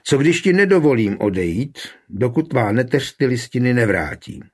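A man voicing a furious, husky young knight. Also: mid-range voice, sing-song. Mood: threatening. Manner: shouting, threatening. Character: young ambitious greedy knight, hot-tempered. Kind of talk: audiobook character voice.

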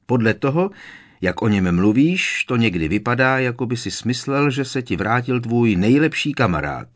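A man reading aloud, voicing a protective, anxious mother who scolds and pleads in a raised, shrill voice. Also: big pitch swings, lightly acted. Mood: indignant. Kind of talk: audiobook character voice.

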